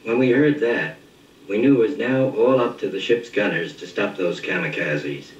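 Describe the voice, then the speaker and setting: An older man, a veteran officer, giving measured testimony for a documentary. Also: fairly low pitch. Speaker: veteran fighter director officer interviewed. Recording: muffled, echoey distant TV re-recording.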